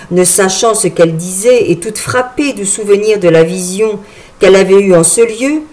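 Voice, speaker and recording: A woman narrating a classic tale in a measured storytelling manner. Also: medium pitch, a little mellow. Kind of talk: reading a classic tale aloud.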